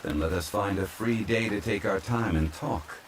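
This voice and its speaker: Rain falls steadily as a deep, low male voice takes on the role of an ancient immortal gentleman from a fantasy game. Meant as relaxing ASMR, his speech is calm, courteous and old-fashioned, with formal, measured phrasing. Slight background noise can be heard.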